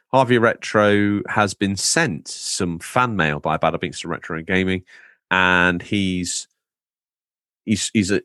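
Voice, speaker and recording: Reading listener comments aloud, a man hosts a laid-back podcast full of playful, rambling tangents and theatrical emphasis. His voice is low yet fairly bright in tone, and the recording is dry and clean, studio-grade.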